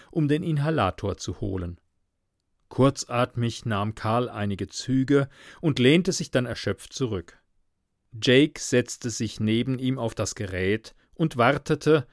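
A man reads a story aloud at an unhurried, deliberate pace. His pitch moves a lot across his phrases, giving the reading a lively, expressive shape. The recording is close and dry, with no room echo. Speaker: narrator. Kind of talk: audiobook narration.

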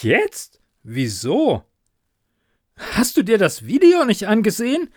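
A man voicing an excitable young female TV reporter, pleading and breathless. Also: extremely slow, no room sound, studio quality, heavily acted. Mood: indignant. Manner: breathless, pleading, high-pitched.

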